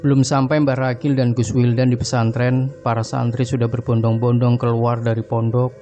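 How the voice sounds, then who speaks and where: A man narrating a scripted horror story in a steady, even storytelling manner. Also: medium pitch, normal speed, highs cut off. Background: faint background music.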